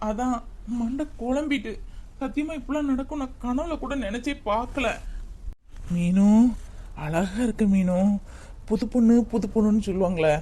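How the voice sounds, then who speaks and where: A man's voice: sits high, darkish tone. A man playing a young husband who regrets a mistake and coaxingly pleads with his wife. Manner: pleading, self-pitying, coaxing. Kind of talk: family skit dialogue.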